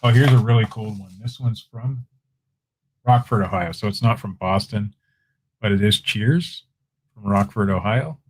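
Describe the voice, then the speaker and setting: A man's voice: fairly low pitch, moderate pace, slight background noise. A man running a casual live-stream auction, chatting with viewers as he shows items and calls bids. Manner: chatty, relaxed, talks to viewers in chat.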